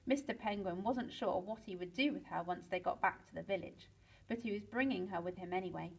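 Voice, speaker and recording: A woman, a teacher, reading a children's book aloud to pupils in a lively storytelling way, with big swings for the exciting parts. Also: medium pitch, brisk, creaky, breathy edge, poor audio.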